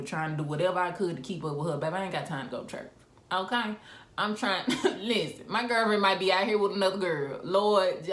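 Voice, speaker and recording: A young woman vlogger telling a personal story in casual chat, candid and animated, with asides and laughs, recorded on a phone. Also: on the low side. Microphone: phone camera. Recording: roomy echo.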